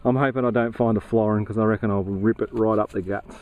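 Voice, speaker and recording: A man's voice: on the low side, fairly even intonation, fast talker, narrow, tinny audio. Easygoing Australian man, slangy chat. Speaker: metal detecting vlogger. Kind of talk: casual narration while detecting. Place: outdoors in a grassy paddock.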